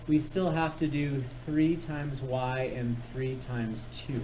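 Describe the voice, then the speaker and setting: A man's voice: medium pitch, takes it slowly, dark tone, a little hiss or hum, rough recording. A man teaching algebra in a classroom, patiently guiding students step by step and praising their work. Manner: patient, encouraging, guides step by step. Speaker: math teacher. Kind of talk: classroom instruction.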